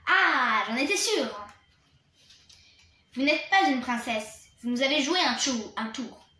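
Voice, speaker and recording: A woman doing a sharp-tongued, strict supervisor from a storybook, high and shrill as she snaps at her pupils. Her voice bounces around a roomy space. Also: lively intonation, slow pace, full character voice. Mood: triumphant. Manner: harsh, scolding. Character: stern shrill female school supervisor.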